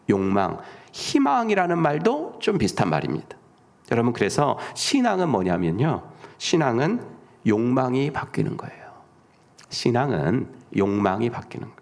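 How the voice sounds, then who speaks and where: A man's voice: mid-range voice, gravelly. A middle-aged man preaching a sermon as senior pastor, often asking the congregation questions and answering them himself, sometimes dropping to a whisper.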